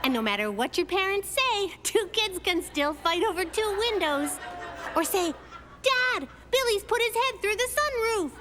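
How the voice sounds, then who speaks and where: A woman voicing a quick-witted, confident little girl in a children's cartoon, with a cheeky, matter-of-fact way of talking. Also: very high voice, very animated, a crowd in the background. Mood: wry, mischievous. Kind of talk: animated children's cartoon dialogue. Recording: loud music under the voice.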